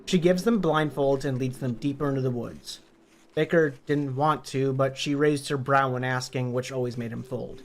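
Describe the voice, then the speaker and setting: A hoarse man reading a story aloud in a plain, steady narrating voice. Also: mid-range voice, normal speed, a little hiss or hum. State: hoarse from illness.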